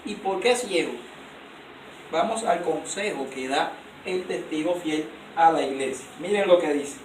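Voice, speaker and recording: A man's voice: fairly high pitch, a little slow. Emphatic male preacher in a roomy hall. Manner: emphatic, asks the audience rhetorical questions. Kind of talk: sermon. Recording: roomy, distant recording with faint noise.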